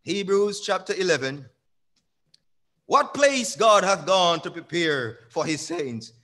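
Preaching from a small church sanctuary's pulpit, a young man speaks in a high, expressive voice that sounds pushed and bright. He leans on call-and-response, drawing out key words and asking the congregation questions, through a pulpit mic on a stand.

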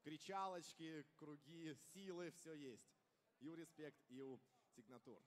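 Young man, esports caster, slightly high voice, live match commentary, headset mic, long hall reverb. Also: a little slow. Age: young adult. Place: caster desk on stage in large indoor arena. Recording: reverberant large event hall.

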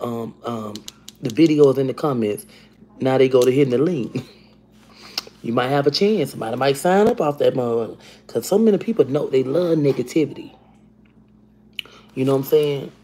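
A woman hosts a casual livestream from her home kitchen, reading comments and chatting with viewers by name in a blunt, profane, animated way. Her voice is deep for a woman, picked up by a phone camera at arm's length.

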